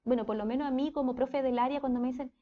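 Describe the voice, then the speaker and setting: A woman's voice: high voice, fairly even intonation, fast, narrow, tinny audio. A woman with a Chilean accent giving a casual speech therapy lecture, often checking in with her students. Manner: conversational, checks in with frequent "¿ya?".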